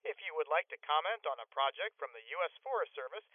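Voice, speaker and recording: Guy doing an automated phone menu voice, high and stilted, super bland and polite, dry recording for a radio parody. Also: expressive, quick pace, breathy edge, no echo, phone-quality sound. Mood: blandly polite. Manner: phone menu voice, formal, stilted word-by-word prompts.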